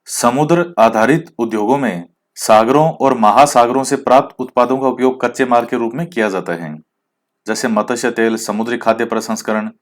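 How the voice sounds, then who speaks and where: A man's voice: mid-range voice, normal speed. A man teaching an exam-prep lecture, who asks questions and answers them himself, mixes in English words, and admits his rustic pronunciation. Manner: explains, then quizzes with questions he answers himself.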